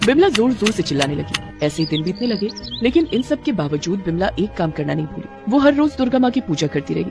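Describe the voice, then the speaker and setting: A woman narrating a scripted moral cartoon story with expressive storytelling. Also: medium pitch, fairly quick, over music.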